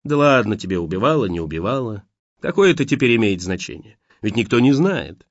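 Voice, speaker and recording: A sly dead young man taunts and mocks in a lively, wandering voice, as a man acts him out. His tone is cunning and cruel. The recording sounds dull and close. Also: on the low side, brisk, dry recording. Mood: mocking.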